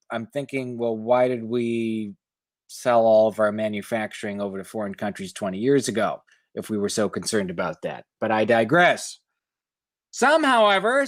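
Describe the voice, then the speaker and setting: A high-pitched male host reads news stories aloud, interrupting himself with skeptical, opinionated remarks. There is no room sound in the recording.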